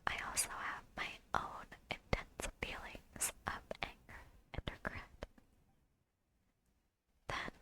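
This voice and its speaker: A woman reads video game dialogue in a soft, breathy whisper, slow and deliberate, speaking close to the mic in ASMR fashion.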